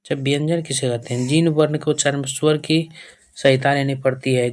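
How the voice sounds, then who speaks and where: Male teacher, monotone delivery, repetitive exam coaching, asks and answers his own questions. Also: medium pitch. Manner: repetitive, keeps addressing students fondly and checking with "okay". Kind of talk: board-exam grammar lesson.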